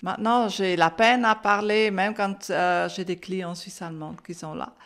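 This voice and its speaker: A woman's voice: medium pitch, steady tone, a little slow, fairly bright tone. An older woman who grew up speaking Swiss German, telling her life story in a chatty way with a Swiss German accent in French. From German-speaking Switzerland. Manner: chatty, frequent "hein" and "euh", laughs often. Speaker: interviewee. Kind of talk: recalled life story in conversation.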